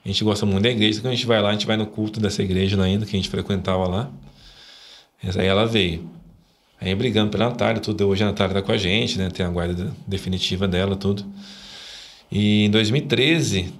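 A man with a fairly low voice recounts his life story as a podcast guest. His telling rambles, with little tag questions dropped into nearly every sentence. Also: fairly even intonation, fast. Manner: rambling, frequent "né?" tags, emotional storytelling. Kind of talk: conversational testimony.

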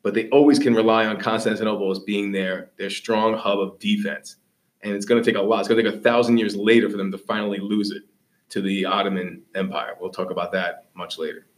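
Lowish male teacher explaining, slightly distant. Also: fairly even intonation, a little fast. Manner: explanatory, checks understanding with "right?". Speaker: history teacher and show host. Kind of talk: conversational classroom lecture.

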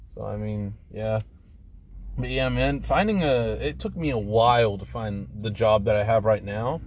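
Relaxed young guy, lowish voice, casual chat, faint noise behind. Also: measured pace. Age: young adult. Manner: laid-back, says "yeah, man" a lot. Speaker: friend in conversation.

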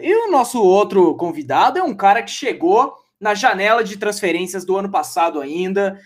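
A man with a Brazilian Portuguese accent hosting a casual sports podcast, chatty and jokey, often restarting and drifting off topic. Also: sits high. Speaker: podcast host.

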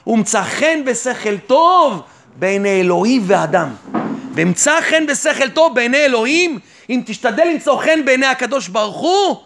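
A rabbi giving a fervent sermon, who keeps asking the listener rhetorical questions and answering them himself. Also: male voice, very high voice, fairly bright tone. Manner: fervent, exhorting the listener directly. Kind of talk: sermon on faith and trust.

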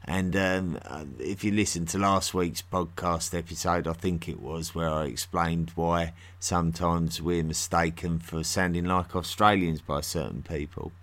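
A man's voice: low voice, flat delivery, measured pace, hardly any pauses, fairly bright tone. A man with a London-area English accent hosting a history podcast, chatting in a friendly way with many ums and restarts. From England, near London. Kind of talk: solo podcast talk.

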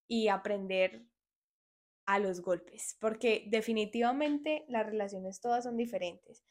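A woman in her twenties talks on her own podcast in an earnest, frank way, giving listeners advice. Her voice sits at an ordinary middle pitch. She talks in a plain, conversational way. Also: darkish tone. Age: 20s. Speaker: podcast host. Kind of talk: solo podcast monologue.

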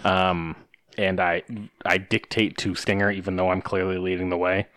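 A very deep-voiced man playing a tabletop game, stammering and hesitant. The sound is dry and close, with no room around him. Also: flat delivery, normal speed, fairly bright tone, smooth, no room sound. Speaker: player. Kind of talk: tabletop role-play.

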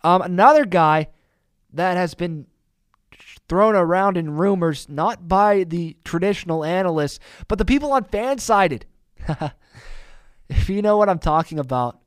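A young man giving a casual, rambling opinion talk about baseball, animated and quick to laugh. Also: sits high, dry recording, studio quality. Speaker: sports podcaster.

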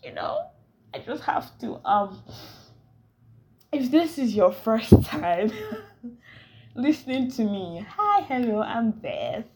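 A woman's voice: a little high, sing-song, slow, pauses often, noisy background. A young woman hosting her own podcast, rambling casually and playfully dramatic. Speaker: podcast host. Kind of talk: casual solo podcast chat.

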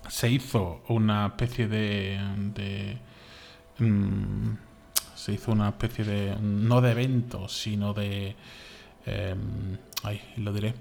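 Spanish guy rambling on a podcast, says tio a lot, fairly low voice. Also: slow, creaky, slight background noise. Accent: Spain Spanish. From Spain. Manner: animated, many fillers and repeated "tío". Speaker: podcast co-host. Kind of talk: casual podcast chat.

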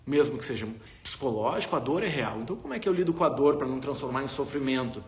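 A man explaining ideas in a casual, animated way, acting out little inner dialogues as he talks. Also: medium pitch, quick pace. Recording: roomy, dull lo-fi sound.

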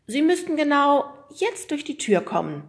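A woman voicing a bubbly, bossy schoolgirl who talks in a bright, gushing way. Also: high voice, big pitch swings, moderate pace, voice pushed up. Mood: breezy.

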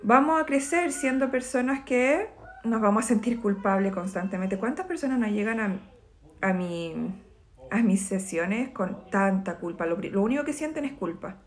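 A woman's voice: mid-range voice, expressive, normal speed. A woman therapist, explaining emotional wounds in a talk to camera and acting out short quoted voices.

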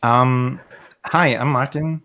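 A man's voice: mid-range voice, steady tone, slow, bright, forceful tone. A man, a podcast guest talking casually with many fillers and dry humor over a video call. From Austria.

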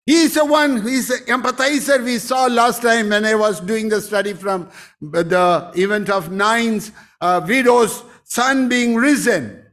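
High-pitched, slow-preaching pastor. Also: male voice, a bit bright. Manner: emphatic preaching, breaks into exclamations. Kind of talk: sermon.

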